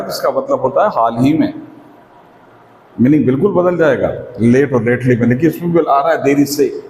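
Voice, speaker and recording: A man with an Indian accent teaching a spoken English lesson, explaining step by step and often asking if it is clear. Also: mid-range voice, darkish tone, a little hiss or hum. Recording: echoey room with long reverb.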